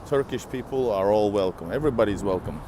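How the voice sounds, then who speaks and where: With background noise around him on the city street, the Russian-speaking Finnish streamer talks quickly in a lowish voice full of lively intonation. He keeps things casual as he walks, greeting his viewers by name.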